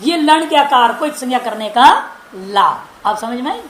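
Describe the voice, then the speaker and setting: A woman's voice: on the high side, expressive, measured pace, fairly bright tone. A woman teacher giving a grammar lecture, asking the class questions and answering them herself. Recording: roomy echo with faint background hiss.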